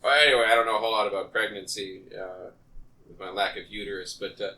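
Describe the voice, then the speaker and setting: Bright-voiced man chatting on a podcast. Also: lowish voice, fast talker, poor audio. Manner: chatty, animated when quoting characters. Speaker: podcast co-host. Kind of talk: casual chat.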